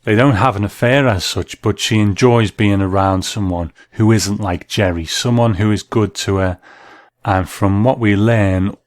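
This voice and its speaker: Scripted commentary on classic drama is narrated by a low-voiced man in a measured, analytical manner. The recording is close and dry, with no room sound at all.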